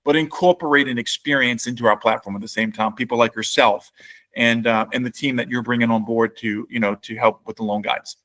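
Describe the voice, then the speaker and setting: A middle-aged man, speaking in an easygoing, unhurried way. He tells stories in a casual podcast interview and often stops to restart a thought. His pitch sits in an ordinary middle range. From New Orleans, Louisiana. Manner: relaxed storyteller, many fillers and restarts. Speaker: company CEO and guest.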